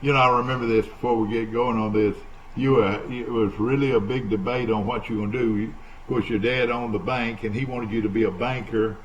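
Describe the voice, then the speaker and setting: A man's voice: mid-range voice, steady tone, dull audio, slight background noise. Rambling man in his seventies hosting. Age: 70s. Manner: rambling, halting, many fillers and restarts. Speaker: talk show host. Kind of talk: casual interview on local live TV.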